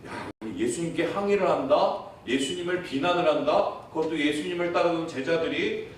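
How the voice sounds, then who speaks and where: Man, pastor, sermon, high pitch, echoey hall, faint noise. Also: a little fast. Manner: animated preaching, acting out quoted voices. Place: church sanctuary. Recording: echoey church, from far off.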